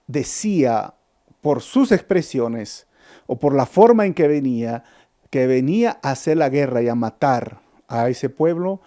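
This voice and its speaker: A man's voice: medium pitch, dark tone. A man with a Peruvian Spanish accent, teaching a Bible study sermon as pastor, acting out the quoted lines and putting questions to his listeners. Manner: dramatizes quotes, asks the audience questions.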